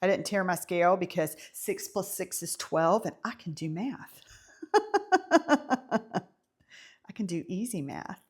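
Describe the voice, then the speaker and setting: A woman's voice: lowish voice, normal speed, husky. A woman with a Southern accent giving a casual, chatty baking tutorial in a home kitchen, full of ums and small self-amused asides. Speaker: home baker teaching a bread recipe.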